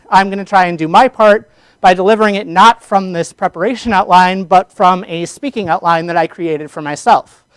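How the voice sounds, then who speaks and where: A man's voice: high voice, clean tone, dry recording. A man teaching a public speaking class, energetically lecturing and asking his students questions.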